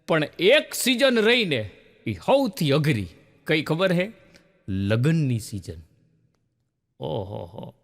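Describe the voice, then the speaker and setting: A man's voice: fairly high pitch, takes it slowly, gravelly, pauses often, in a large hall, soft background music. A man with a Gujarati accent telling jokes on stage, acting out the voices in his stories. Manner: animated storyteller, acts out quoted voices. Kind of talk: stand-up joke telling.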